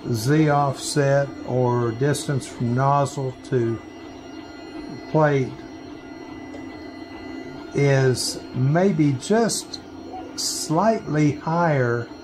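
A man walks through his work in a busy workshop, explaining each step slowly and plainly in a mid-pitched voice. The camera mic sits close to the machines, and music plays clearly behind him. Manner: slow, plain step-by-step explaining while working. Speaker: maker running a 3D print farm. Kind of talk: hands-on workshop demonstration. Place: workshop full of 3D printers.

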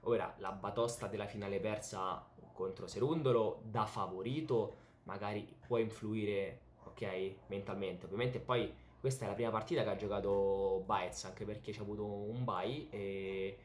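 Excitable young Italian man in an echoey room. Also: on the low side, normal speed, hardly any pauses, a little hiss or hum. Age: young adult. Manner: excited, animated, emphatic with repeated words. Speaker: YouTube tennis commentator and host. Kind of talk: casual tennis match recap to camera. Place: small home bedroom, indoors. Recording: roomy, echoey home room.

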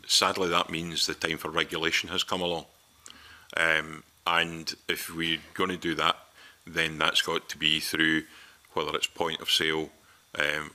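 A middle-aged Scottish man with a very low, flat voice and a bright, forceful edge. He speaks earnestly and persuasively at a committee table into a desk microphone. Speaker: committee witness. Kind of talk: parliamentary committee evidence. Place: large committee room.

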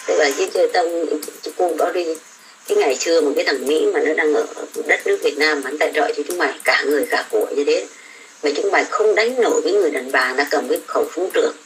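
A woman's voice: low-pitched, fast talker, a little hiss or hum, poor audio. An older woman, a domestic worker abroad, ranting about politics in a blunt, scolding way. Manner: blunt, scolding, coarse words. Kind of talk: casual political rant.

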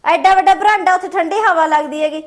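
A woman playing a nagging daughter-in-law in a family drama, scolding in a sharp-tongued way. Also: extremely high pitch, fast. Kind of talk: amateur family drama acting.

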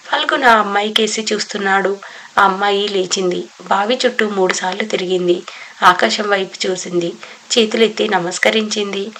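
A woman narrating a novel as an audiobook, with steady, even storytelling. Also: medium pitch, normal speed, slight background noise, poor audio.

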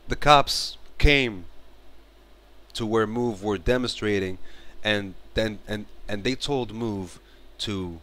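Recording in his bedroom on a headset mic, a Moroccan vlogger in his 30s gives casual, earnest commentary to camera. His voice is fairly low and fairly bright, and he gestures while talking, halting to repeat and restart phrases.

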